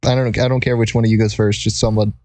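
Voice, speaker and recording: A man's voice: on the low side, flat delivery, fast, a little mellow, no room sound. A young man hosting a casual podcast while recording under a blanket, rambling and giggling as he talks. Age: young adult. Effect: muffled, recording under a blanket. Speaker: podcast host.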